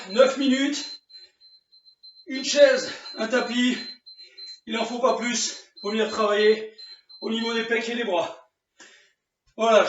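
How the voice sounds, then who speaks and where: A man leading a home workout, counting reps aloud and grunting with effort as he coaches. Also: high voice. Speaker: fitness coach. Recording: distant, roomy, dull sound.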